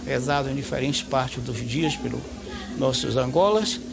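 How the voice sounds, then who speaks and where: A man speaking as a researcher in a documentary interview, measured and explanatory. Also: mid-range voice, creaky, background noise.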